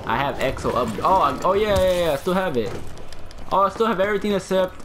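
A man's voice: sits high, animated, fast talker, slight background noise. A young man giving casual off-the-cuff game commentary, repeating his phrases and playfully trash-talking. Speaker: gamer narrating own play. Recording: loud game gunfire behind voice. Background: shooter game gunfire and ambience.

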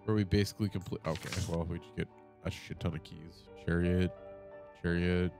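A man's voice: deep voice, steady tone, moderate pace, over music. A man with a congested voice giving casual, rambling gameplay commentary at home, swearing often and full of fillers. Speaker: gaming channel host. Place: home setup with monitor.

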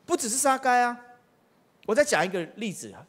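A man's voice: very high-pitched, huge pitch swings, brisk, a bit bright. A middle-aged man preaching a sermon as pastor, telling stories with acted-out quotes and rhetorical questions. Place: church.

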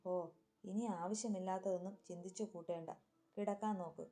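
A woman's voice: mid-range voice, steady tone, normal speed, dark tone, lightly acted. A woman voicing a worried middle-aged mother who frets about her daughter. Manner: fretful, complaining.

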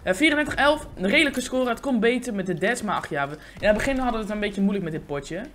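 A man giving live, excitable gameplay commentary, swearing often and talking in slang into a condenser microphone. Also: high-pitched, quick pace, a little hiss or hum. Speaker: gaming YouTuber. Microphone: USB condenser microphone.

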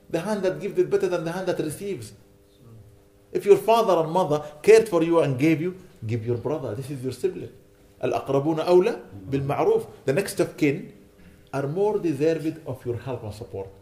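A man's voice: a little high, brisk, dark tone. A man delivering a sermon as a sheikh, urging his listeners with repeated rhetorical questions. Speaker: sheikh giving a lecture. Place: lecture hall.

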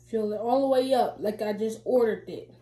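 A woman's voice: on the high side, moderate pace, dark tone, slightly rough, no room sound. A 21-year-old woman from Ohio, a vlogger casually chatting to her viewers in a slangy, talkative way, at work and in her car. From Ohio, USA. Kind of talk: casual vlog chat to viewers.

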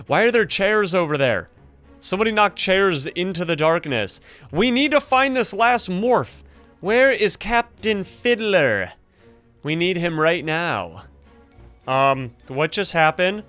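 A young adult man hosting gameplay commentary in an animated, exclaiming way, close on a streaming mic. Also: fairly high pitch, no room sound. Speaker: gaming video host, streamer.

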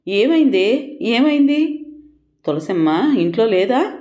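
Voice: medium pitch, normal speed, darkish tone, natural voice. A storyteller voicing a frail, ailing older mother who frets in a weak, rising voice. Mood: alarmed. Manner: weak and fretful, rising in alarm.

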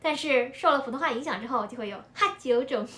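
Woman, animated storyteller, bright sharp tone. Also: fairly high pitch, rapid-fire, echoey room. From Shanghai. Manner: animated storytelling, laughs often. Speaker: video creator discussing a film. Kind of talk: casual chat.

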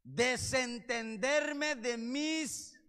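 A man preaching a sermon with passion, swinging between loud cries and low, intense passages. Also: extremely slow. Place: church. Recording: long reverb of a church hall.

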